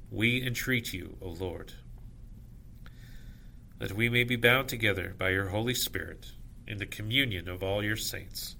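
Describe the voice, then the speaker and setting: Man, prayer officiant, gravelly and bright, solemn measured liturgical recitation, some background noise. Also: lowish voice. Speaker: officiant leading evening prayer.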